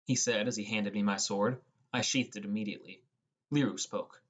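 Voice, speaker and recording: Reading from a script, this narrator tells a first-person fantasy adventure for an audiobook. The pitch sits in the middle range, the tone stays even, and the pace is ordinary.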